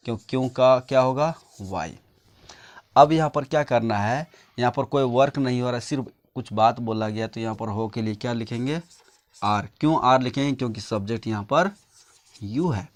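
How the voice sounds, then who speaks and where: A man from India explaining English grammar step by step, asking his own questions and answering them, dictating example sentences word by word. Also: medium pitch. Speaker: English teacher.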